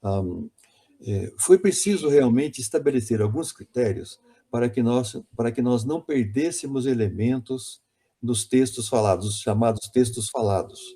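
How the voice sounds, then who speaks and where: Dark-voiced man giving a hesitant lecture. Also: medium pitch, moderate pace, breathy edge. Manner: hesitant, repeats words, self-correcting. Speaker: linguistics lecturer. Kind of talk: academic conference lecture.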